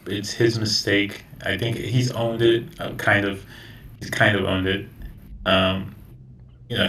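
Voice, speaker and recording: A man from the United States speaks in a low voice, in a loose, informal conversational style. The room echoes around him and he sits some way from the microphone. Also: a bit bright. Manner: informal, occasional swearing. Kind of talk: casual political chat. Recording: roomy echo, distant from mic.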